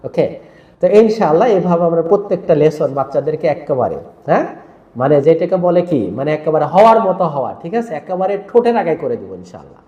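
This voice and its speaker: Male Quran teacher, high pitch, roomy echo, patient drill-and-quiz delivery. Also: animated, a little fast, warm tone, lo-fi sound. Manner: drills pronunciation, quizzing with questions. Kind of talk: teaching lesson to other teachers.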